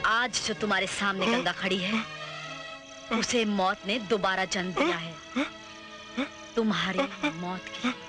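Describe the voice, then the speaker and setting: An actress playing a young woman who has come back for revenge, speaking in a cold, measured, menacing way. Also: mid-range voice, over music, lightly acted. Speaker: avenger. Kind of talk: Hindi film dialogue.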